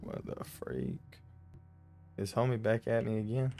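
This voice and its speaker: A young man giving casual, jokey commentary while playing a horror driving game, slangy and quick to yelp when startled. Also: lowish voice, very animated, vocal fry, music in the background. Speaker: gaming YouTuber.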